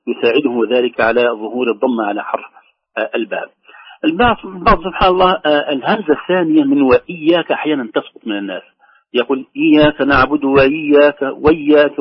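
A man teaching Quran recitation, briskly explaining pronunciation and sounding out the words he corrects. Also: medium pitch, husky. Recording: muffled radio broadcast sound.

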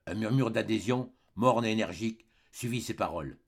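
Gravelly husky man reading an audiobook. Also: fairly low pitch, brisk. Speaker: audiobook reader. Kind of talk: scripted audiobook narration.

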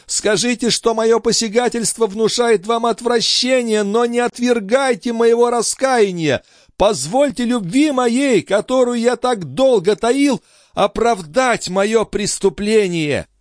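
A man voicing a proud young noblewoman, distraught and furious, crying out in a raised falsetto. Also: expressive, fairly quick, hardly any pauses, no echo, clean studio sound, natural voice. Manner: shrieking, sobbing cries in a raised falsetto. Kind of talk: dramatic audiobook reading.

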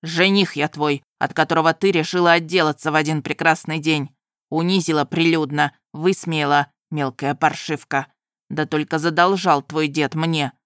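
Female narrator putting on a gruff young nobleman, stern and scolding, lowered voice, dry close recording, storybook. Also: steady tone, moderate pace, a bit bright, no room sound.

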